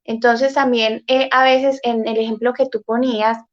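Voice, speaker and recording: A woman speaking as a guest therapist in an interview, explaining calmly and thoughtfully with frequent "eh" fillers. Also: on the high side, normal speed, muffled recording.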